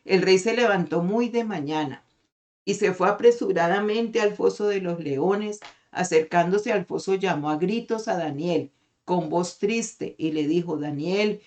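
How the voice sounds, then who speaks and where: A woman pastor preaching a devotional sermon. She reads scripture aloud slowly and keeps asking her listeners rhetorical questions. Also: lowish voice, a little mellow. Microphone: online meeting call.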